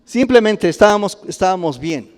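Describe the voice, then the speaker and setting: A middle-aged man with a Mexican Spanish accent preaching a sermon, telling personal stories with frequent chuckles and loud exclamations. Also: high-pitched, normal speed. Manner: animated, chuckles often, rises to loud exclamations. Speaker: pastor. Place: church sanctuary. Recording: reverberant church hall.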